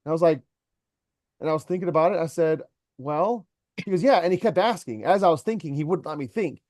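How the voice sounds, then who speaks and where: Business owner guy giving a worker a earnest pep talk, kinda high voice, dry close sound. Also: expressive, a little fast, a little mellow, no echo. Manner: earnest, storytelling, mentoring. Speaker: company owner coaching an employee. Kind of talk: one-on-one coaching talk.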